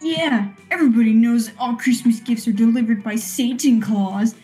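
A woman plays a taunting male monster bully from a video game. The voice is high for the part and mellow, with a mocking manner. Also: normal speed, soft background music, close to an everyday voice. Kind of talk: voicing a video game's dialogue.

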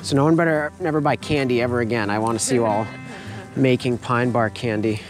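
A man's voice: mid-range voice, fairly even intonation, fairly quick, over music, low-quality recording. A young man leading a foraging class, talking casually and laughing often. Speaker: foraging instructor. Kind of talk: outdoor teaching walk. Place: forest outdoors, then wooden lodge hall.

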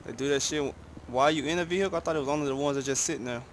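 A game streamer with a slightly high voice races through casual, slangy, profane chatter during a gameplay livestream. Game ambience and vehicle sounds play behind him, along with slight background noise.

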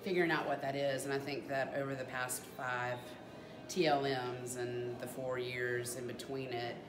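A woman's voice: a bass voice, level tone, normal speed, echoey room. A middle-aged woman chatting reflectively as an interviewed mother. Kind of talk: reflective casual chat. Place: small lamp-lit room.

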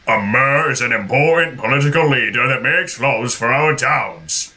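A man voicing a stern, pompous, middle-aged male railway boss who booms his lines. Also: lively intonation, normal speed, bright, forceful tone. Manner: booming and stern.

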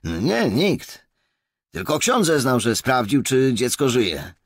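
A man's voice: mid-range voice, huge pitch swings, slow, pitched above the performer's own voice, exaggerated voice. A man voicing a nervous young male village constable who speaks eagerly and apologetically in a raised voice.

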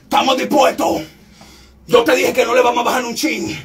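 A man preaches in a relentless shout, his voice pitched very high and gravelly. He hammers each point confrontationally, now and then bursting into tongues. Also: moderate pace. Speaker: evangelist preacher. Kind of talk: fiery shouted sermon.

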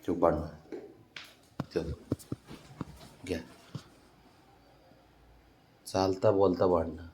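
A man's voice: low-pitched, fairly even intonation, takes it slowly, a little mellow, slight background noise. A man chatting casually with his pet cats in a coaxing, teasing way, scolding them playfully. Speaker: pet owner.

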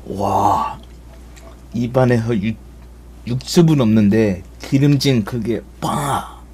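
A man hosting a comic eating show, talking with his mouth full while chewing, in mock-dramatic, hushed remarks. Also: mid-range voice, slow pace, husky. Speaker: comic mukbang host.

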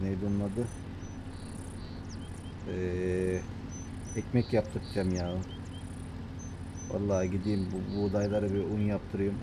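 A man with a Samsun accent, an adult with young kids, giving hushed, muttering commentary over a farming game, as his channel's host. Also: on the low side, background noise. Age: adult with young children. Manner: talks quietly, mutters to himself. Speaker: gaming YouTuber.

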